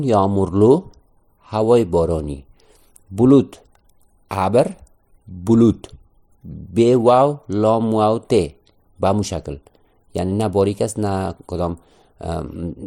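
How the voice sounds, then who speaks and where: A man teaching an online language lesson, patiently repeating each word slowly and explaining how to pronounce it. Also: deep voice, gravelly, dark tone. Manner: patient, repeats words slowly and spells out pronunciation.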